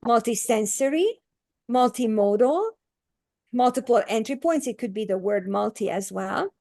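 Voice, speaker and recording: Gravelly and on the high side, this woman's voice moves at a moderate pace. She is from Hungary, a native Hungarian speaker, appearing as a guest author and educator on a podcast interview, where she talks in an earnest, explanatory, lively way with many fillers.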